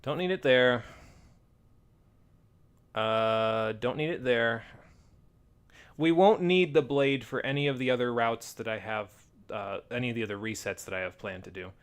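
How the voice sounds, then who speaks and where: A man's voice: medium pitch, normal speed, long pauses, smooth. A man giving casual, rambling commentary as he streams a game, wry and thinking aloud. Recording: faint game music behind.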